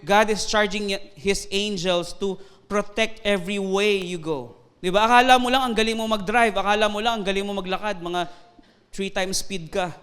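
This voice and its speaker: A man's voice: high-pitched, steady tone, normal speed, a bit bright, smooth. A man with a Filipino accent preaching a sermon, joking with the congregation, laughing often and mixing Tagalog with English. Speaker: pastor. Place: church.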